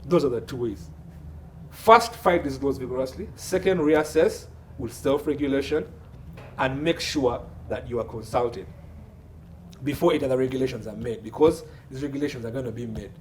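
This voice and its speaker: A Ugandan-accented man of medium pitch talks at a normal speed as an expert guest, an entertainment law consultant, in an interview. He's emphatic and repeats phrases for stress. The mic is distant, with faint background noise.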